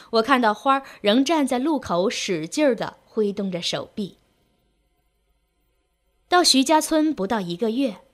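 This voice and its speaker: Lady reading a sad love story out loud, emotive, pitch going up and down a lot.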